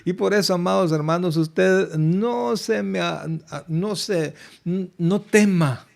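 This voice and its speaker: A man preaching with fervour, his voice pitched somewhat high for a man. He speaks straight to his congregation, pressing his points home with emphasis. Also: slow, vocal fry, darkish tone. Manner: fervent, emphatic preaching that addresses listeners directly; quotes worried congregants in a put-on plaintive voice. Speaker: pastor. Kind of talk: Bible study sermon. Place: church streaming an online service.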